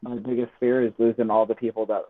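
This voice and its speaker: A man, a podcast guest, giving quiet, thoughtful answers in a casual chat. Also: medium pitch, flat delivery, quick pace, no room sound. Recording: phone-like call audio.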